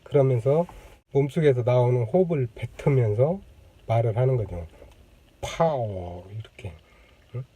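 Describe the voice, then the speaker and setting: A man speaks straight to the camera as host of his own channel, explaining at an easy pace. His voice is very dark and mellow, with a middling pitch. He pauses often, fills the gaps with "uh" and "um," and acts out the sounds he describes. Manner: thoughtful, many fillers, demonstrates sounds. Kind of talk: casual explanatory talk to camera. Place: indoors on a lunch break. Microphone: camera mic.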